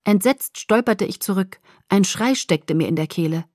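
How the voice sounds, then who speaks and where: A woman reading a novel aloud in the first person, in a soft, hushed and intimate way. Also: medium pitch, normal speed, no room sound, studio quality. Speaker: audiobook reader.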